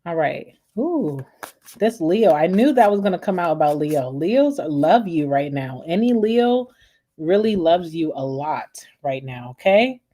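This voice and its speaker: A woman giving a casual tarot reading, chatting directly to her viewers in a relaxed, friendly way. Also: fairly low pitch. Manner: chatty, addresses viewers as guys and y'all. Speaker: tarot reader.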